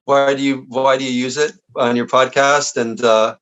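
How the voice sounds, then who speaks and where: A man hosting a podcast interview, chiming in with short agreements and asking halting questions. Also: mid-range voice, level tone, fairly bright tone, highs cut off. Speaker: podcast host.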